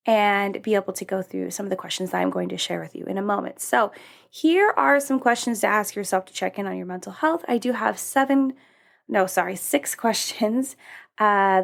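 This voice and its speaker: A woman's voice: mid-range voice, creaky. A woman hosting a self-help podcast, talking candidly in a casual, rambling way with fillers and self-corrections. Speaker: podcast host.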